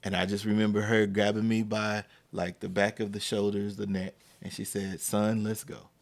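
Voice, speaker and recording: A man's voice: on the low side, moderate pace, gravelly. A man hosting a podcast, telling a personal story and acting out the quotes. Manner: animated, acts out quotes. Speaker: podcast host.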